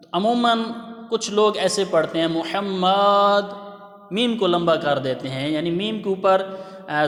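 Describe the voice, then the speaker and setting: A man giving a religious pronunciation lesson, explaining patiently and chanting example phrases slowly. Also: fairly high pitch. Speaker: religious teacher. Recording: echoey hall with long reverb.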